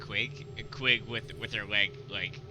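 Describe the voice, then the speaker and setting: A man playing a tabletop game, casually describing his character's actions in a halting way. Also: lowish voice, fairly even intonation, over music. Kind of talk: casual improvised game chat.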